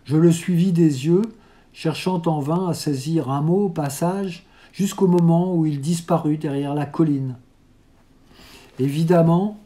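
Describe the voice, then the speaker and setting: A mellow, warm voice reads an old novel aloud at a measured, unhurried pace. The delivery stays literary and steady, with a middling pitch. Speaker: audiobook reader. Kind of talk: reading a classic novel aloud.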